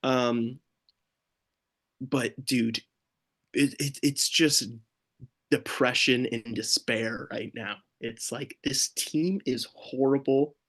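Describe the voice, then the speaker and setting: A man's voice: mid-range voice, steady tone, slow, a bit bright. A young man co-hosting a late-night sports podcast, ranting in an exasperated, sweary, casual way. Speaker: podcast co-host.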